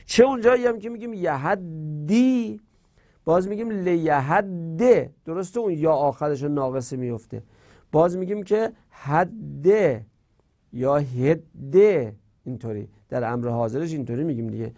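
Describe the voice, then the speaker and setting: A male teacher giving a grammar lecture, reciting verb forms in slow drills and posing rhetorical questions. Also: fairly high pitch, animated, mellow.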